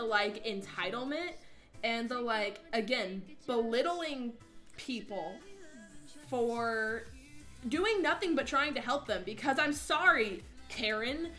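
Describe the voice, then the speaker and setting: A young woman streamer tells stories in an easy, chatty way. She acts out the people she quotes in mocking voices. Her voice is bright and fairly high, with soft music playing behind her. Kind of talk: casual chat storytelling.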